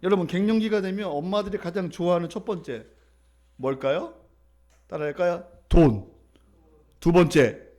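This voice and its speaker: A man's voice: high-pitched, fairly quick, a little mellow. A male pastor giving a conversational sermon, often asking the congregation questions.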